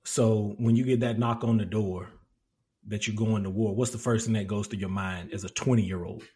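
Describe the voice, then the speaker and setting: Male interviewer, low voice, calm and brief, steady questions. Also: moderate pace. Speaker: interviewer, host.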